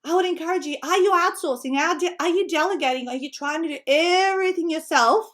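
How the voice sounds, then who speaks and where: This middle-aged woman from North Macedonia learned English in her teens and speaks it with a Macedonian-tinged Australian accent, in a high voice and at a fast clip. Presenting an online seminar as a book-writing coach, she's energetic and chatty, often checking in with listeners through tag questions and laughing frequently.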